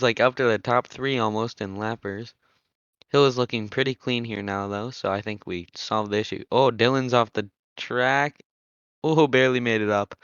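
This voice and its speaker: A young man giving casual, chatty commentary on an online motocross race, relaxed and laughing often as he thinks aloud. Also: mid-range voice, smooth, no echo, highs cut off. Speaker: race commentator and server admin.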